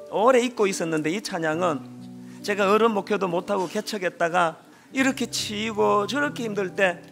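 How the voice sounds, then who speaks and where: A male pastor preaching a sermon in a church, swinging from loud pleading to soft, slow confession, with soft music behind. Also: sits high. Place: church sanctuary.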